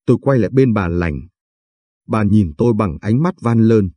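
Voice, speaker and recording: A man narrating a story aloud in a steady, even way. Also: on the low side, moderate pace, dry recording. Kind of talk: audiobook story reading.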